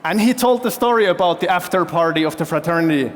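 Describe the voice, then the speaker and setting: A man's voice: on the high side, fast talker, a little hiss or hum. A man from Finland, a CEO giving a keynote talk on a festival stage and telling his story while quizzing the audience with show-of-hands questions. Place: large festival hall stage. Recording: long hall reverb.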